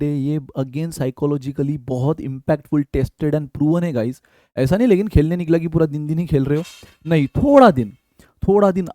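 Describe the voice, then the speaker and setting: A young man talks through study tips in a casual, direct way. His voice sits a little high but sounds mellow and warm. It is recorded close and dry. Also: no echo. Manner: casual, direct, addresses viewers as guys. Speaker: exam prep teacher. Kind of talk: motivational study-tips talk.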